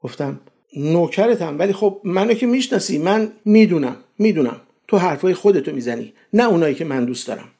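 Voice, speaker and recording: A man reading a story aloud, changing his pitch for each character and dropping low for the narration, with faint music underneath. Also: expressive, gravelly, warm tone, slightly rough. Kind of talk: storybook reading with acted voices.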